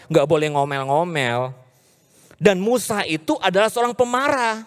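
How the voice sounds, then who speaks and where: An Indonesian-accented man gives a casual youth sermon, rising to excited calls and dropping to quiet, earnest points. His voice sits a little high for a man. The sound carries a long reverb from a church hall. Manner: lively, swings from loud hype to low earnest talk. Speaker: youth preacher.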